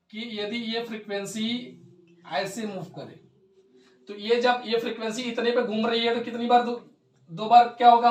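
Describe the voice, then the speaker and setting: Guy teaching a physics class, really high voice, asks then answers his own questions, kinda far from the mic. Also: a bit bright. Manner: asks questions and answers them himself, repeating key words; reads English definitions out slowly. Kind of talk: Hindi physics class lecture. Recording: echoey room, voice from far off.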